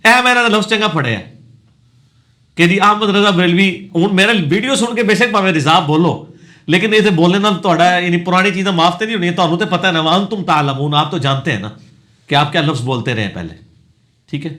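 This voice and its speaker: A man with a Punjabi accent and a fairly high voice works through audience questions in a lecture. He explains and corrects pronunciation point by point, dropping into folksy asides. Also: lively intonation, sharp tone. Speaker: religious scholar answering questions.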